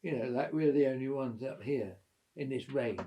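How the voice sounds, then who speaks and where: A man in his eighties telling lively family stories at home, chuckling and acting out the voices of the people in them. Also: medium pitch, moderate pace. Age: 80s. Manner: lively, chuckling storyteller who acts out quoted voices. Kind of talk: casual storytelling at a family gathering.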